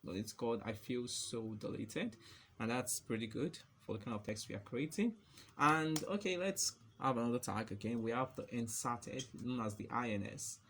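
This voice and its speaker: Playful gravelly-voiced man teaching code. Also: medium pitch, expressive, moderate pace, fairly bright tone, slight background noise. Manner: chatty and playful, laughs at his own jokes. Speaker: coding tutor. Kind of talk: casual screen-recorded coding lesson.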